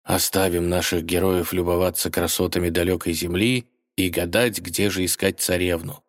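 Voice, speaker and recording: A man narrating a fairy tale for children, gently addressing his listeners directly. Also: deep voice, level tone, normal speed.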